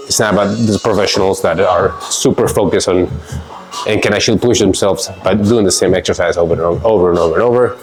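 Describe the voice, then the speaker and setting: A fitness vlogger with a cold talks casually through a workout in a low, stuffy, congested voice. He speaks quickly and rambles in a relaxed way with fillers and laughs. Soft music plays in the background, and the audio quality is poor.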